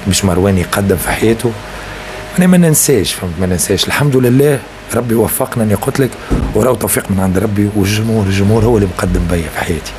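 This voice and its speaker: A young man with a Tunisian accent speaks in a low voice over a noisy background. He's a singer and rapper answering interview questions earnestly, frequently making sure he's understood.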